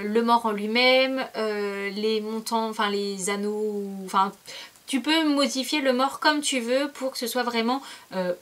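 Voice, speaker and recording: A woman's voice: on the high side, a bit bright. Chatty young French woman vlogger. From France. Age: 20s. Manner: chatty, many hesitations and self-corrections. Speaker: equestrian vlogger. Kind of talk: casual vlog gift guide.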